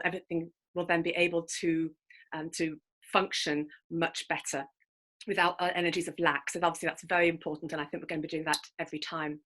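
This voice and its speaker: Woman, lowish pitch, gentle delivery, informal guided relaxation host, unhurried and soothing. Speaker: host of guided colour visualisation sessions.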